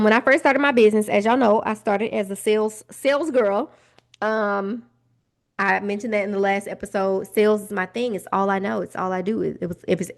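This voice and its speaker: A young woman, hosting a solo business podcast in a chatty, direct way. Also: medium pitch. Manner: chatty, direct, addresses listeners as y'all and friends. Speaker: podcast host.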